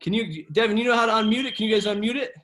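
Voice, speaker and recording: A man's voice: high-pitched, racing, fairly bright tone. A man coaching a children's martial arts class in a casual, encouraging way, often checking in with a tagged "right?". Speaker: kids' martial arts instructor. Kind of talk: upbeat class coaching and discussion. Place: online video class run from home.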